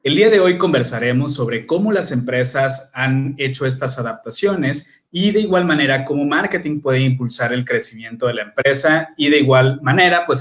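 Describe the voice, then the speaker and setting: Man, host, online masterclass, formal, measured, average pitch. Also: fairly bright tone.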